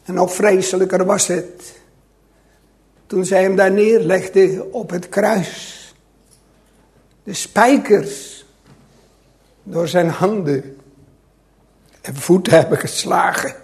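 Male preacher, sermon in church, high voice, very slow, loud-then-hushed dramatic delivery.

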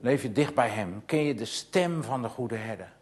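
A man preaches with lively intonation in a mid-range voice at ordinary speed. Rhetorical questions and ever more insistent repetition drive him toward loud, emphatic moments.

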